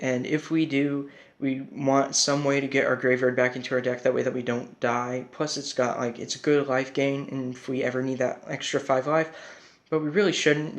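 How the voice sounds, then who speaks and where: A man speaks in a medium-pitched voice that stays quite flat. His S sounds carry a noticeable whistle. He explains a card game deck informally, a little hesitant and self-conscious, like a casual hobby presenter.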